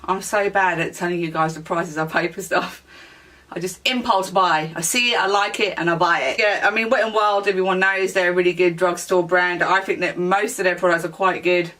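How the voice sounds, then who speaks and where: A woman beauty vlogger in a relaxed, chatty product review, with plenty of ums and small self-corrections. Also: lowish voice, fairly quick, distant mic. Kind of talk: casual product review chat.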